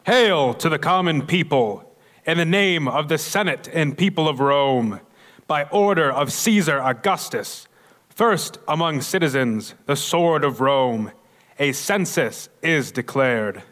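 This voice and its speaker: A man's voice: a little high, animated, a little slow, fairly bright tone. A man playing a stern Roman herald who reads out an imperial edict in a formal, declamatory church nativity play. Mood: proclaiming.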